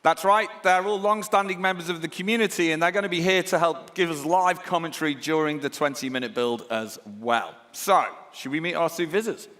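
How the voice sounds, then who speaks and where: Upbeat high-voiced male stage host. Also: a little fast, hardly any pauses, fairly bright tone. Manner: upbeat, playful. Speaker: co-host of live competition. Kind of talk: energetic stage hosting. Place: conference stage. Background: music.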